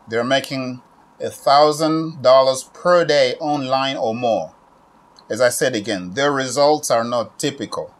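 This direct-to-camera pitch comes from a shop owner in his forties from the Democratic Republic of Congo, promoting online training while standing in his store. Speaking a little slowly, he repeats points, presses his audience and keeps adding "okay?", with the camera at medium distance.

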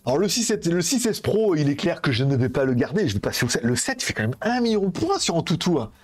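A man streams live about tech, joking and rambling about phones and his plans while handling the gadgets and swearing from time to time. He's very animated and talks fast in a fairly high, husky voice. Faint music can be heard in the background.

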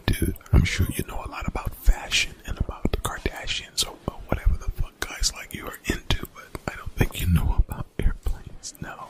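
Fully in character, a man voices a young college bully for an ASMR roleplay, dismissive and reluctant as he grudgingly apologizes. His whispered, breathy, gravelly low delivery is hushed and defensive, laced with exasperated slang and swearing.

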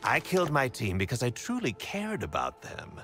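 A man's voice: mid-range voice, huge pitch swings, normal speed, sharp tone, faint music behind. An actor voicing a manic, theatrical young male supervillain clown in a video game, gleeful, mocking and melodramatic. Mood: mock sincere. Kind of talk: video game cutscene acting.

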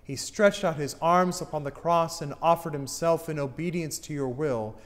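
A middle-aged priest intones liturgical prayers with solemn, declamatory weight, his loudness rising and falling with the text. His fairly high male voice rings through a reverberant church sanctuary. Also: normal speed. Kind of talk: chanted and spoken liturgy. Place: church altar, indoors.

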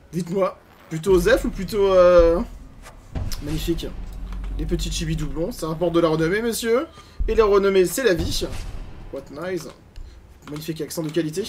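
Animated grumbling male gamer. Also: high-pitched. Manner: animated, grumbling and swearing at bad loot. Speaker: gaming YouTuber. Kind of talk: casual gameplay commentary.

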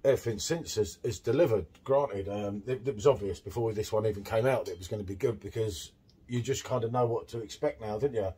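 A middle-aged man chatting excitedly while reviewing a beer at a home bar, full of tag questions. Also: on the low side, brisk, husky. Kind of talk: casual beer tasting chat.

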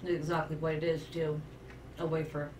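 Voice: mid-range voice, level tone, fairly quick. A taste-test vlogger chatting casually with a mouth full of cereal. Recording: echoey room, far from mic, loud background noise.

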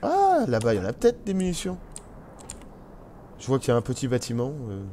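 A man's voice: medium pitch, huge pitch swings, a little fast, warm tone, slight background noise. A man hosting a let's play, chatting casually as he plays, taunting enemies and exclaiming often. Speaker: gaming channel host.

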